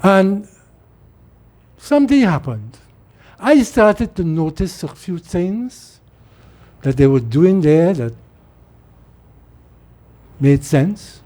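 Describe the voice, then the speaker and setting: A middle-aged political speaker from Trinidad, with a Trinidadian accent, gives a rambling informal monologue, repeating words as he restarts. His voice sits high and warm, with big pitch swings, and he speaks very slowly with frequent pauses.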